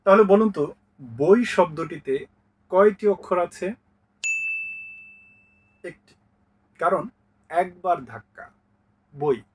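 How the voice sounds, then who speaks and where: A man teaching a grammar lesson, counting out syllables one by one in a slow, clear way. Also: sits high, noisy background.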